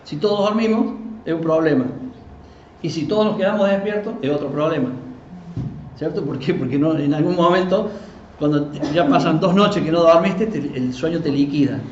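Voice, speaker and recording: A man who is a pastor, giving a live Bible teaching in a conversational, animated way and acting out quoted voices. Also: fairly high pitch, moderate pace. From Argentina. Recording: roomy, dull live recording with faint noise.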